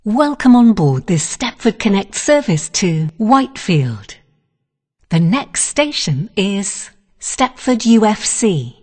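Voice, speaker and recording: A woman's voice: mid-range voice, big pitch swings, slow, darkish tone. A woman reading pre-recorded onboard passenger announcements as an automated train announcer. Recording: long reverberant hall echo.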